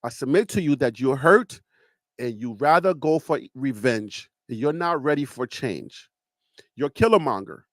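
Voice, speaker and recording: A little slow in pace, a live show host with a Liberian accent gives casual stream commentary, arguing emphatically, teasing, and asking rhetorical questions. His animated voice rises in pitch when he argues. It's a dry, studio-quality recording.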